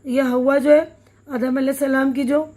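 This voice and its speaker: A woman's voice: sits high, flat delivery, warm tone. A woman teacher working through a textbook chapter, patiently explaining each word with simple glosses and checking questions. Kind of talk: reading through a textbook lesson.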